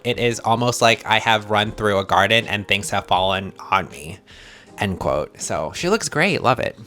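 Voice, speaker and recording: A man with a bright, forceful voice hosts a casual fashion review. He is sassy and emphatic, gushing and opining in drag-queen-style slang. Faint music plays underneath. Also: mid-range voice.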